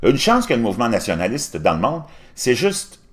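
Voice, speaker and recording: A man's voice: medium pitch, huge pitch swings, moderate pace, fairly bright tone. A man in his fifties from Quebec with a Québécois French accent, mocking and scornful as he rants over a news article on his channel. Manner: scornful, mocking, laughs at his own jokes. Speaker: commentary channel host.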